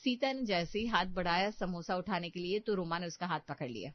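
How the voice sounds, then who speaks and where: A woman narrating a children's cartoon story in an even storytelling manner. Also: fairly low pitch, no echo. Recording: dull, dry lo-fi.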